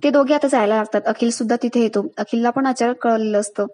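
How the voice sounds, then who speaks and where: Woman recapping a serial, slightly high voice. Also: fast talker. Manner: plain, steady storytelling, reads every character herself. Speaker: narrator recapping a TV serial episode. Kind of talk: casual story recap narration.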